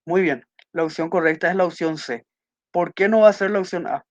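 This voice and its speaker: A man's voice: sits high, fairly quick, no room sound. A man teaching a class, patiently going over test answers and repeating key points with little checking questions. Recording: muffled dry lo-fi audio.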